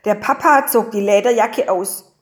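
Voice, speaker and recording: A woman reading a children's story aloud with lively, expressive storytelling. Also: mid-range voice, moderate pace.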